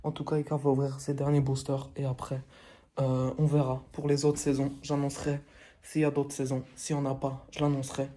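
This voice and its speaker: A woman's voice: rumbling low, flat delivery, brisk, dark tone. A woman hosting a casual vlog, talking bluntly and swearing freely. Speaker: vlog host. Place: bathroom.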